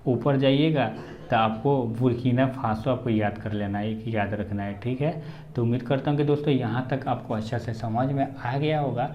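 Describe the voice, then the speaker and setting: A man's voice: mid-range voice, normal speed. A man teaching geography for exams, reciting country names in drills and urging viewers to repeat after him. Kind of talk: exam-prep map lesson. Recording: echoey room, dull lo-fi sound, faint background hum.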